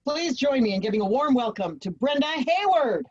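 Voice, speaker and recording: A woman with a fairly high voice practices an introduction in a workshop. The video call sound is a bit dull and lo-fi. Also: expressive, normal speed, darkish tone, a little hiss or hum. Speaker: workshop participant. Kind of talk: rehearsed introduction and casual asides.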